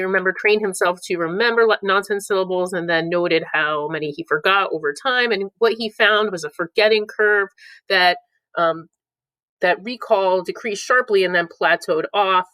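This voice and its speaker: A woman's voice: on the low side, moderate pace, pushed and bright, no echo, poor audio. A woman teaching a review lesson, playful, breaking into silly voices for the clues between explanations. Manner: playful, reads clue lines in put-on voices.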